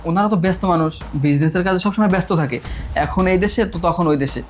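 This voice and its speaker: A man's voice: sits high, rapid-fire, soft background music, lightly acted. An actor playing an evasive young husband in a TV family drama, placating and pleading with his wife. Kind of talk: Bangla TV drama acting.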